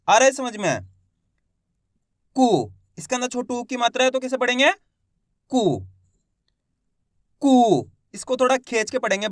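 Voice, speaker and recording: A man teaching a beginner lesson on letters, speaking slowly and patiently, addressing listeners as friends and repeating each syllable, often drawing it out. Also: very high-pitched, fairly bright tone, no echo, clean studio sound.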